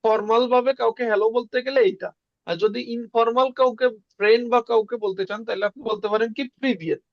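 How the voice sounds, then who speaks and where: Brief: male tutor, high voice, dry and slightly dull recording, casual lesson. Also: steady tone, no room sound. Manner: conversational, repeats words slowly for learners. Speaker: Russian language teacher.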